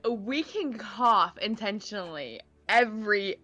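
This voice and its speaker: A woman's voice: medium pitch, lively intonation, unhurried, pushed and bright, highs cut off, soft background music. A woman playing in a live tabletop game, thinking aloud with fillers and frequent giggles. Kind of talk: casual live game chat.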